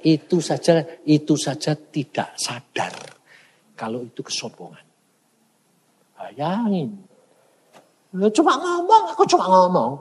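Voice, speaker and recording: An older man preaching in a folksy, animated, conversational way and slipping in regional slang. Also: on the high side, a little slow, pauses often, background noise. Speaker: evangelist preacher. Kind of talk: conversational sermon with questions. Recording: long hall reverb.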